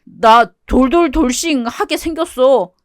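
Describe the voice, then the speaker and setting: A woman's voice: high-pitched, takes it slowly. A woman voicing a desperate, clingy ex-husband who pleads and pities himself, in a one-voice radio drama reading. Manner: pleading, clingy, self-pitying. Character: whiny cheating ex-husband, middle-aged man, desperate.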